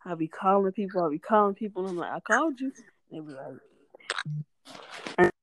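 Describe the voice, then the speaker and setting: A woman's voice: on the low side, brisk, a little hiss or hum. A woman in casual chat, telling stories with lots of cursing and laughter and acting out what people said. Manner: animated storyteller, cursing, laughing, acting out quotes.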